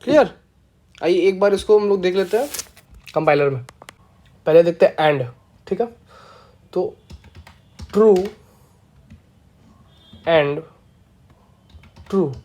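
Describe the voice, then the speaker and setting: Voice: medium pitch, dark tone. A programming teacher giving a casual screencast lesson, playful and often checking that listeners follow along.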